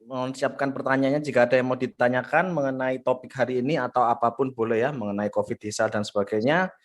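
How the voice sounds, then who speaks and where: A man's voice: mid-range voice, steady tone, fast talker. A man moderating a question-and-answer session over a video call, politely reading out questions. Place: online meeting.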